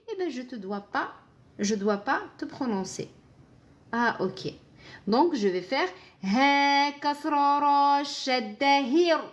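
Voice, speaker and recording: A woman teaching a live online Arabic pronunciation lesson in French, playing out little dialogues between the letters and herself. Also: on the high side. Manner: acts out dialogues with letters, slow and patient explanations.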